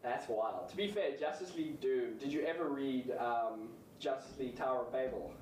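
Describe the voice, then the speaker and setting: A man chatting casually about comics and films, animated and laughing often as he acts out lines. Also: mid-range voice, moderate pace. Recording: roomy, distant mic, faint noise.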